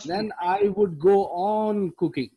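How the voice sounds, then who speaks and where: A man talks casually as a podcast panelist. His voice sits a little high and has a husky grain. The sound is close and dry. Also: takes it slowly, no room sound, phone-quality sound.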